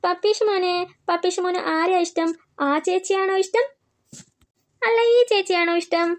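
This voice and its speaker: A woman voicing a high, cooing cartoon big sister. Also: fairly even intonation, moderate pace. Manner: baby-talk cooing. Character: cooing young woman, an older sister type. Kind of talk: cartoon voice acting.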